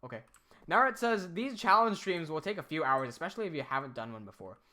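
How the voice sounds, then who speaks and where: On a casual live stream, a man with an American accent reads out viewer questions and answers them while fiddling with software. He talks fast in a high-ish voice with lively intonation.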